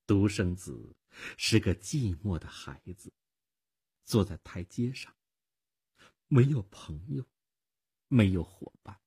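A man reading a long story aloud for radio in measured, expressive narration with a husky voice. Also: fairly low pitch.

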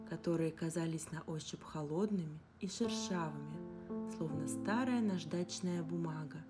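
A woman calmly narrating a fantasy story in a measured way. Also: low-pitched. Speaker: audiobook narrator. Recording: guitar music underneath. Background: guitar music.

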